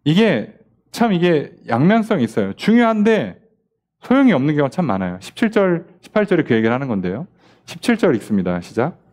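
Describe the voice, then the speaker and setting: A man's voice: on the high side, sing-song, a little fast, a little mellow. A man, a pastor, teaching a midweek Bible study in a conversational preaching style, firing off rhetorical questions and acting out little quoted exchanges.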